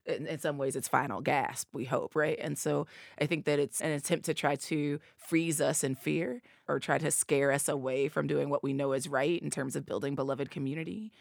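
A woman's voice: low voice, steady tone, moderate pace, creaky, few pauses, dry recording, clean studio sound. A woman from Appalachia with an Appalachian accent, answering as an activist guest in an emphatic way, often checking with tag questions. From Appalachia, southern United States. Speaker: activist leader, co-executive director and interview guest. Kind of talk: impassioned interview answer.

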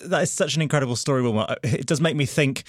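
A man's voice: medium pitch, quick pace, no echo, clean studio sound. A man interviewing a guest, asking thoughtful questions with hesitations.

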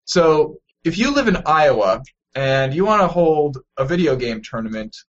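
A man's voice: fairly high pitch, big pitch swings, moderate pace, fairly bright tone. Guy cohosting a game news podcast, lots of likes and you knows, muffled lo-fi sound. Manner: loose, filler-heavy delivery with restarts. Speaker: podcast co-host. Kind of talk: casual news chat. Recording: dull lo-fi podcast audio.

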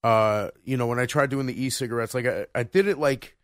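A man in his thirties chatting on a podcast, with a middle-pitched voice. He rambles and restarts his sentences often, leaning on fillers. The sound is close and dry, with no room around it. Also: brisk, no room sound. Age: 30s. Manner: rambling, full of restarts and "you know". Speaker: podcast co-host. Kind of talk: casual chat.

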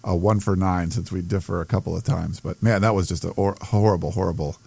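A man's voice: low voice, steady tone, a little fast, creaky, a little mellow, slightly rough, no room sound. An American man co-hosting a sports podcast in casual chat, hesitant and circling back over his phrases.

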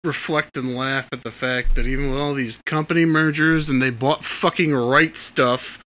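A man's voice: mid-range voice, fairly even intonation, moderate pace, pushed and bright. A man co-hosting a podcast in casual chat, mocking in tone. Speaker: podcast co-host.

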